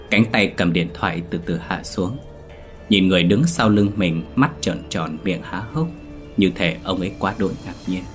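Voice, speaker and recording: A man narrating a scripted horror story in a steady, dramatic way. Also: low-pitched.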